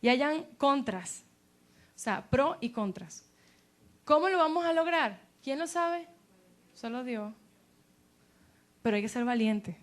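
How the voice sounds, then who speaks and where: A woman pastor preaches a sermon in a high voice. She talks in an animated way and drops her voice low when she acts out people's doubts. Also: slow, pauses often.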